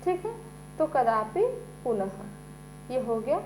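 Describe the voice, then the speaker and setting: Slow-speaking woman teacher. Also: on the high side, sing-song, a little mellow, rough recording. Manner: repeats "ठीक है" often, explains step by step. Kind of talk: slow classroom explanation. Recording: faint mains hum.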